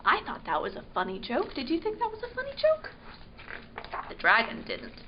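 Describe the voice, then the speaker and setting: A woman librarian reading a picture book aloud at storytime, expressive and asking her young listeners questions. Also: high-pitched, moderate pace, highs cut off, noisy background. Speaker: children's librarian. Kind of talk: children's storytime read-aloud.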